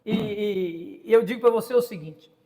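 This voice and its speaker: The host, a Brazilian man in his fifties with a Brazilian Portuguese accent, has a high, warm voice and talks at a normal speed. He leads a casual podcast interview, sharing opinions freely and repeating words as he searches for them. It's recorded in a large hall.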